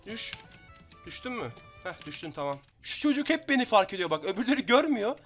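A young man from Turkey giving excitable commentary on his own Minecraft match, taunting opponents in quick banter. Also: high-pitched, faint music behind. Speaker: gaming YouTuber. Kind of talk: live Minecraft gameplay commentary.

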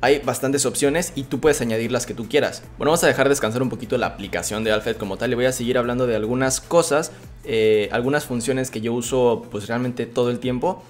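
A man's voice: medium pitch, brisk. Young male tech tutor, casual and chatty with fillers, faint music behind. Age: young adult. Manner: relaxed, chatty, many fillers and restarts. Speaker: tech YouTuber.

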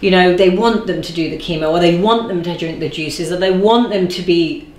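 A woman in her forties, a guest in an interview, speaking thoughtfully and slowing down to stress key phrases. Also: fairly low pitch, darkish tone. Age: 40s. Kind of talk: reflective conversational interview. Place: bright living room, seated on a sofa. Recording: roomy echo.

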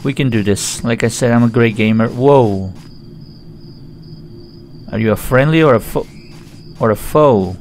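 A man's voice: mid-range voice, a little slow, pauses often, a little mellow, a little hiss or hum. A man giving chatty, joking let's-play commentary on a horror game. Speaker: gaming YouTuber.

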